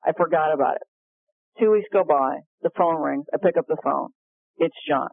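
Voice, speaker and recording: A woman guest speaker telling a story on a call-in show, animated and quick to laugh. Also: sits low, creaky, no room sound. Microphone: telephone. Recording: tinny phone line, dry.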